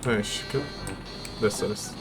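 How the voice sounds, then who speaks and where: A young man with an Egyptian accent commentating his own gameplay, excitable and quick to react loudly. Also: on the low side, loud music behind the voice. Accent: Egyptian Arabic. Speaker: gamer. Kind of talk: let's-play game commentary.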